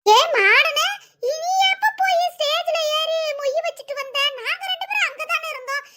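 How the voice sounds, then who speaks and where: A woman voicing several teasing, scolding village women in an animated comedy. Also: very high-pitched, moderate pace, exaggerated voice. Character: nosy teasing village women at a wedding feast.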